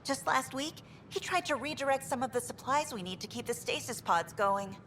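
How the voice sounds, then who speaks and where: A woman's voice: high-pitched, lively intonation, normal speed, a bit bright, a little hiss or hum. A woman voicing a frustrated female engineer on a space station, venting in an earnest, exasperated way.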